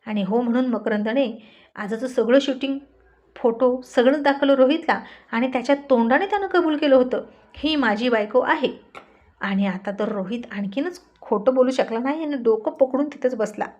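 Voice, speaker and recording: A woman's voice: high-pitched, moderate pace. Woman narrating a serialized story. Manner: steady storytelling.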